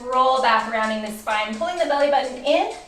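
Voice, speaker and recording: High-pitched barre instructor lady counting reps, kinda roomy and far from the mic, music low behind. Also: expressive, a little fast, a bit bright. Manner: encouraging counted cues. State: losing her voice. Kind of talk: workout class cueing.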